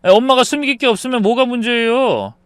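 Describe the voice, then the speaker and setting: A man's voice: very high voice, fairly quick, smooth, no room sound, pitched above the performer's own voice. A man voicing a dismissive adult son who brushes off his mother, sighing before his lines. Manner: whiny, starts lines with a sighing "ah".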